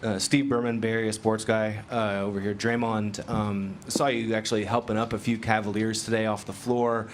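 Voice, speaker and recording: A man's voice: lowish voice, little pitch movement, normal speed, few pauses. A male sports reporter asking a question at a press conference in an informal, slightly hesitant way. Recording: press room with background noise.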